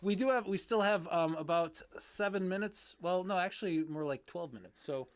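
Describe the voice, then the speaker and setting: A man's voice: high voice, normal speed, a crowd in the background. A man hosting a casual panel chat, dropping dry teasing wisecracks. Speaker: podcast host.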